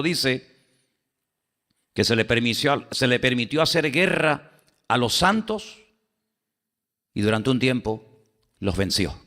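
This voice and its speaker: Bright-voiced preaching man, animated. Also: a little high. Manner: animated storytelling, acting out the king and Daniel. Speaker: pastor. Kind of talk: sermon. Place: church.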